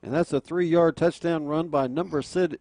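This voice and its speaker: A man's voice: a little high, fairly even intonation, moderate pace, a little mellow. An American man calling a football game live as the play-by-play announcer. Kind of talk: live play-by-play sports commentary.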